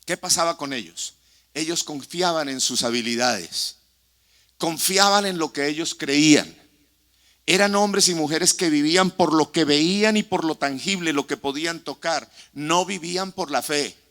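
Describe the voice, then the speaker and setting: A man's voice: on the high side, a little slow, a bit bright. A male pastor preaching a sermon in a church sanctuary, impassioned and putting questions straight to the congregation.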